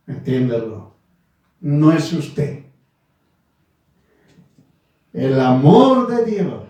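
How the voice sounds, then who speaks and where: Slow old preacher in an echoey room. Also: male voice, high voice, darkish tone, far from the mic. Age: 90s. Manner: slow, emphatic, repeating phrases. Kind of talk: sermon.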